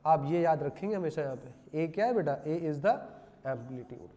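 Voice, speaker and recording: A man's voice: on the high side, expressive, a little slow, dark tone. A male physics teacher giving a classroom lecture, asking rhetorical questions and repeating the answers. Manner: asks rhetorical questions and repeats answers, calls students "beta". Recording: long hall reverb.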